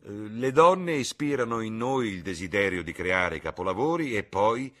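A man's voice: on the low side, animated, normal speed, a bit bright, pitched above the performer's own voice. A man doing a languid, ironic aristocrat. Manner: ironic, epigrammatic.

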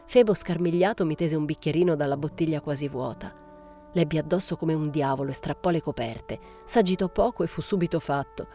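Low, dark-voiced woman reading a novel. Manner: measured, understated first-person reading. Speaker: audiobook reader. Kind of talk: literary audiobook narration.

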